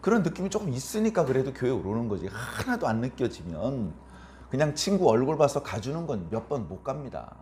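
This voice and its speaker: A man's voice: medium pitch, sing-song, a little fast, a little mellow, a little hiss or hum. A man preaching a Sunday sermon as pastor, speaking conversationally, asking rhetorical questions and acting out quoted elderly parents.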